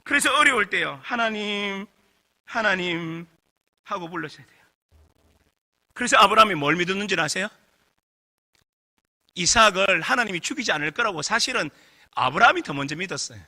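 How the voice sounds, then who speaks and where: With a high voice, a brisk delivery and long pauses, a middle-aged pastor leads a revival sermon, questioning his congregation and drawing their replies in animated call-and-response. It was recorded in a church sanctuary with long hall reverb.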